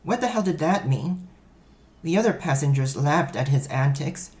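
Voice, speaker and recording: A man's voice: a little high, animated, normal speed, darkish tone. A man reading a first-person story aloud, in a wry, self-mocking storytelling manner. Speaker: narrator.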